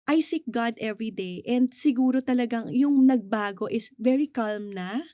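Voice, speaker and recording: A woman's voice: on the high side, normal speed, dark tone, no echo, studio quality. A middle-aged Filipino woman with a Filipino accent, earnestly sharing a faith testimony as an interview guest and mixing English into her Tagalog. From Philippines.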